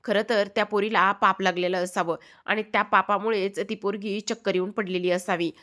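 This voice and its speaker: A woman's voice: mid-range voice, fairly even intonation, normal speed, a bit bright, natural voice. A woman voicing a scheming, vengeful village priest in a retold serial episode, boastful and threatening.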